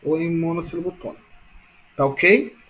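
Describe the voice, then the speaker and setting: A man's voice: a little high, a bit bright, slight background noise. A man teaching a grammar lesson online from his computer, explaining patiently, repeating himself, and checking in with tag questions. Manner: repetitive, filler-heavy explaining with frequent tag questions; stretches key words slowly for emphasis.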